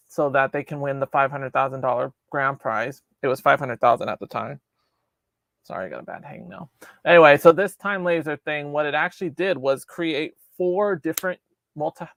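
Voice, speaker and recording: A young man hosts a casual live-stream recap from his home mic, chatty and loose, full of fillers and restarts. His voice sits a little high for a man. The sound is dry and close with no room around it. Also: a bit bright, no echo.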